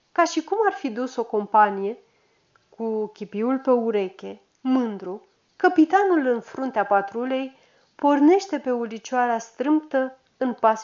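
A woman narrating a story with a steady, expressive reading, on a dull lo-fi recording. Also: fairly high pitch.

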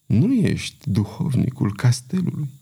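A man voicing a feeble, dying old queen in an audiobook, speaking slowly in a wheezing, barely audible rasp. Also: mid-range voice, huge pitch swings, dark tone, exaggerated voice. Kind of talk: audiobook character reading.

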